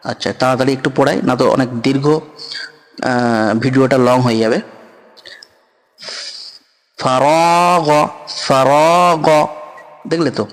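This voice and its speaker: A man's voice: medium pitch, fast. A man teaching Quran reading step by step, patiently repeating syllables and often checking that his students understand. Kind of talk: step-by-step recitation lesson. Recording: long echoing reverb.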